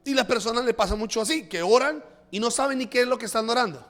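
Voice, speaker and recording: A man's voice: extremely high pitch, fast, a bit bright. A male pastor preaching a sermon in a church, with emphatic rises and drops, acting out the prayers he quotes.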